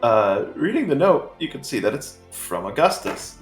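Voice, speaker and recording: A man's voice: medium pitch, sing-song, moderate pace. A man narrating as game master of a tabletop game, rambling with many fillers. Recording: echoey room with faint music.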